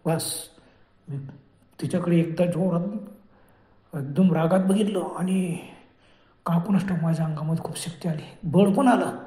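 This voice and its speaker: A man's voice: sits high, dark tone, echoey room. A man telling a first-person horror story in a dramatic, breathless way.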